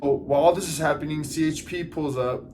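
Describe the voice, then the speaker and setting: A man's voice: fairly high pitch, a little fast, noisy background. A man in a casual storytime vlog, earnestly retelling events and acting out what people said, often turning to talk to his viewers directly. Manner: animated retelling, acts out dialogue. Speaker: vlogger.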